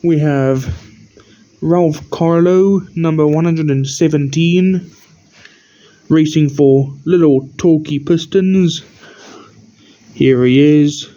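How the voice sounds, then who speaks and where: Sleepy guy rambling about his toy cars, kinda high mellow voice, dull lo-fi mic. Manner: rambling, halting, pointing out details one by one. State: tired, yawning often. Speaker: toy collector showing his collection. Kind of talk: casual show-and-tell narration. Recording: dull lo-fi recording.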